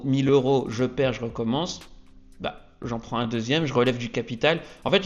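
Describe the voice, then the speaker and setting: Energetic male explainer, conversational, slightly lo-fi recording. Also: mid-range voice. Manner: energetic, peppers lines with "ok?". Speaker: trading youtuber. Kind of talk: casual explainer talk to camera.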